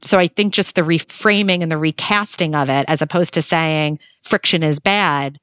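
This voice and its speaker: Upbeat, pragmatic woman with a low voice. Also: normal speed, fairly bright tone, clear, resonant tone, dry recording. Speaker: guest. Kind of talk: podcast conversation.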